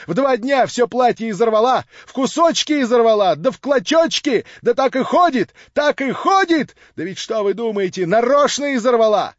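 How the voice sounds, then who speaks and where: A cruel drunken landlady screeches and scolds in a shrill, high, hysterical voice, as a man reading the book puts her on. The recording is dry and slightly dull. She sounds like a storybook villain. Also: no room sound. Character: drunken shrieking landlady, middle-aged, cruel. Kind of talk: audiobook character voice.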